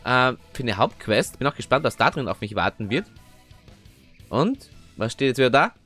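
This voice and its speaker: A young man giving chatty, excitable let's play commentary, often tagging his sentences with little questions. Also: medium pitch, normal speed. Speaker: gaming video host. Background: faint game music.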